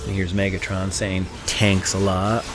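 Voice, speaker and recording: Guy with lowish voice geeking out over game footage, casual, loud music behind him. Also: normal speed. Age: adult, grew up with the original cartoon. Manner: excitable, fannish, informal. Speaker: video host. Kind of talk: casual enthusiastic game commentary.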